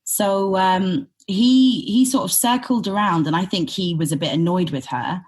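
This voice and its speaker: A woman's voice: mid-range voice, a little slow, a little mellow, husky. A woman in her thirties from Sudan, raised in Britain, speaking as a podcast guest. She tells her stories in a reflective, thoughtful way, with frequent fillers. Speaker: podcast guest, humanitarian consultant. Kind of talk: conversational interview storytelling.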